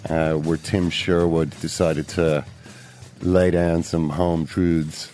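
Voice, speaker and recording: An Irish-accented man making wry, deadpan sports banter as a podcast co-host. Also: low-pitched, slow pace, soft background music.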